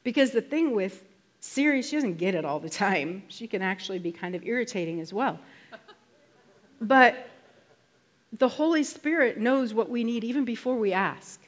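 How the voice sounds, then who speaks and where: A woman preaching a sermon to a congregation, in a conversational, emphatic way that slows down to stress key phrases. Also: a little high, animated.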